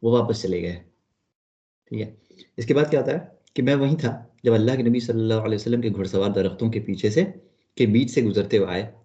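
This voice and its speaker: A man reading a history book aloud to a study group, steady narration with brief asides to check in. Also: on the low side, brisk, highs cut off. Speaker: study circle reader.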